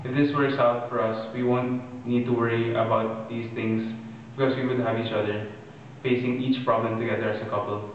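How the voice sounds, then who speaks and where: A man playing an anxious, lovesick young man in an earnest, declamatory dramatic monologue, speaking in measured phrases. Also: medium pitch, little pitch movement, a little hiss or hum, natural voice. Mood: hopeful worry. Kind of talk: dramatic monologue, stage-style recitation. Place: large reverberant room, distant microphone. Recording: muffled tinny echoey hall from far off.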